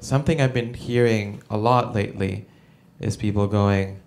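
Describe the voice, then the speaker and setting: A man from El Salvador doing a stand-up comedy set, with a halting delivery full of fillers and restarts. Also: on the low side, fairly even intonation, a little mellow. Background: audience laughter.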